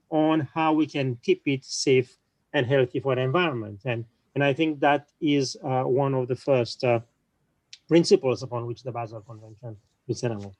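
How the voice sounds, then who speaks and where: Guy talking at a conference panel, measured explainer, lots of restarts, dry close sound. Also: medium pitch, a little mellow, no echo, poor audio. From small island nation. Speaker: panel speaker.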